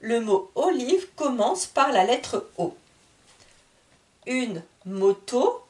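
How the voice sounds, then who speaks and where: Slow, lively-voiced woman teaching reading. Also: on the high side. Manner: patient, careful articulation, repeats each word. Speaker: French teacher. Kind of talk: slow, clear reading lesson for learners.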